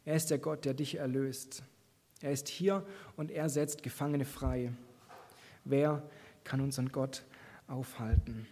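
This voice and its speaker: A man's voice: mid-range voice, fairly even intonation, measured pace, pauses often, dark tone. A man preaching a sermon, earnest and encouraging, speaking directly to his listeners. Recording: long hall reverb.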